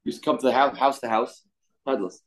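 A man's voice: medium pitch, fairly even intonation, brisk. Man teaching. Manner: repeats phrases and asks rhetorical questions. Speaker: Torah teacher. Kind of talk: informal religious lesson, reading a text and explaining it.

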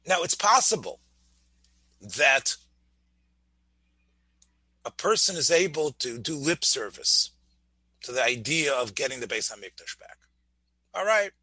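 A man's voice: mid-range voice, sing-song, a little slow, long pauses, pushed and bright, slightly rough, no echo. A man teaching a Torah class, often restarting words, asking his listeners questions and mixing Hebrew phrases into his English. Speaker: rabbi lecturer.

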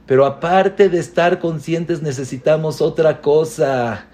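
A man giving an inspirational religious talk, speaking deliberately and repeating phrases for emphasis. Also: medium pitch, dark tone.

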